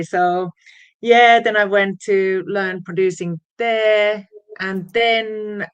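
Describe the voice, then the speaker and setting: A woman from Finland with a Finnish accent, chatting about her music path as an interview guest, with fillers and frequent laughs. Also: medium pitch. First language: Finnish and Swedish. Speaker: guest DJ and producer. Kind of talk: casual interview chat.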